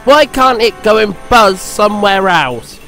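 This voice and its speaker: A man voicing a small, cheeky young tank engine in a storybook reading, high and eager and quick to take offence. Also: expressive, sharp tone, faint music behind, heavily acted. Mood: grumpy.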